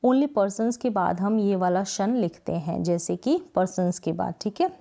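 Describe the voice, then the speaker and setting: A woman from India teaching English spelling rules, patiently repeating words and stretching syllables slowly to show pronunciation. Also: medium pitch, creaky, warm tone. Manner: slow, drawn-out syllable-by-syllable pronunciation drills; patient, repeats words often with "thik hai" checks. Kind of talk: explanatory lesson.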